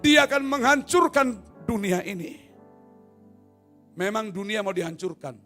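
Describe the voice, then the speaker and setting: A man with a fairly high voice preaching a sermon in a church hall. He swings from hushed asides to shouted appeals and slips teasing jokes in between. Faint music plays softly behind him. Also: lively intonation, measured pace. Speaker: pastor. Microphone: no mic at times.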